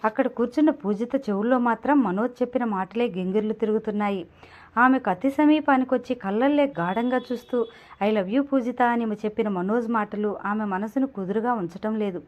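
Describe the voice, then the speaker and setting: A woman narrates a serialized audio novel, reading in an expressive storytelling way. Her voice sits somewhat high. The recording is dull and lo-fi. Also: a little fast.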